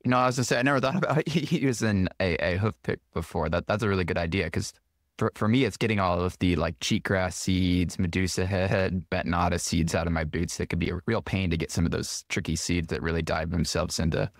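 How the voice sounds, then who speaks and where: Deep gravelly male podcast host. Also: brisk, no echo, studio quality. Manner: curious, conversational questioning. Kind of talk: podcast interview.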